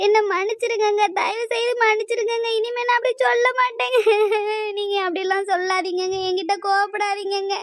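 A woman's voice: very high voice, no echo, studio quality. A woman voicing a frightened pleading young wife. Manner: pleading, tearful. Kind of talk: cartoon voice acting.

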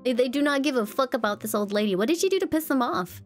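A woman's voice: high voice, expressive, fast talker, soft background music. A woman livestreamer chatting casually and animatedly while playing a game, often giggly and sweary. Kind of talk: casual gaming livestream chat.

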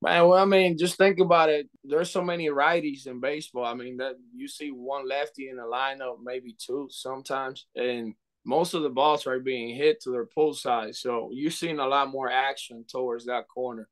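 A young man speaking English with a Dominican Spanish accent, a baseball coach answering an interviewer over a webcam. He talks earnestly at a middle pitch, often restarting phrases and filling with "you know". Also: steady tone, normal speed, few pauses. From Dominican Republic. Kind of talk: video call interview. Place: indoor room. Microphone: webcam on video call.

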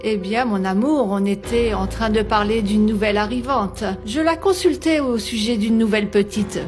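A woman's voice: medium pitch, moderate pace, a little mellow, soft background music, lightly acted. An actress dubbing an evasive, soothing mother superior in a French-dubbed telenovela.

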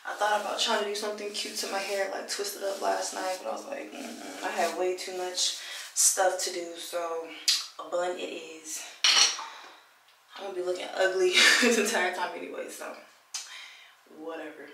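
A woman's voice: fairly low pitch, flat delivery, moderate pace, far from the mic, background noise. A young woman chatting casually to her viewers in a vlog. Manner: chatty, talks straight to viewers. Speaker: vlogger.

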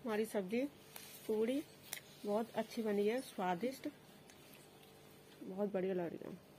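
A woman's voice: medium pitch, measured pace, dark tone, slight background noise. A woman talking casually to her viewers at home in a family vlog. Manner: chatty, talks to viewers and her child. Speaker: vlogger.

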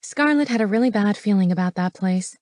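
A woman's voice: medium pitch, lively intonation, brisk, a little mellow, no echo. Woman narrating an audiobook, dry and close. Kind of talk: scripted narration. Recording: dry studio voice.

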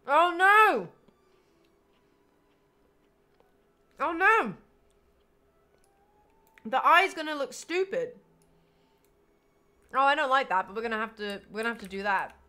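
Lively, bright-voiced woman streamer. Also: a little high, rapid-fire, smooth. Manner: thinks aloud, bursts into squeals of delight. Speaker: game streamer. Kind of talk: casual live-stream chat while building.

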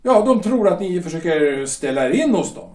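A roomy, echoing recording captures an actor standing distant from the mic, voicing a stern shipyard director in an audio drama. His voice is high-pitched and mellow with big swings in pitch, delivering a formal lecture full of hesitant fillers.

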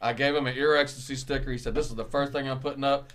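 A man appearing as a guest on a podcast, gushing excitably and joking crudely in casual chat. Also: medium pitch, quick pace.

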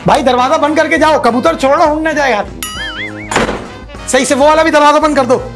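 High-voiced young man with faint music. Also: fairly even intonation, fairly quick. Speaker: comic vlogger character. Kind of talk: comedy sketch acting.

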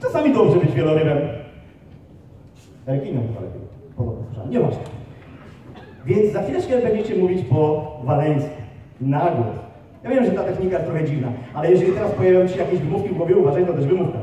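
An energetic male speaker leads a live seminar, pushing the audience with rapid questions. His voice is fairly high but mellow. He is picked up from far off, in a big hall that echoes heavily, with faint noise behind him. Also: dull audio. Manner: energetic, rallying the crowd with quick questions. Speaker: motivational speaker.

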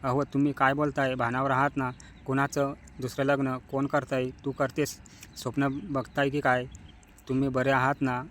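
A man's voice: mid-range voice, monotone, moderate pace, fairly bright tone, slight background noise, natural voice. A man voicing a devoted young wife who pleads insistently with her husband. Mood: upset.

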